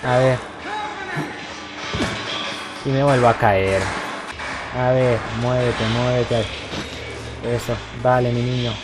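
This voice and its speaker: A man's voice: mid-range voice, fairly even intonation, slow pace, long pauses, over music. A man doing let's play commentary on a horror game, joking and talking back to the characters on screen. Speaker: gameplay commentator.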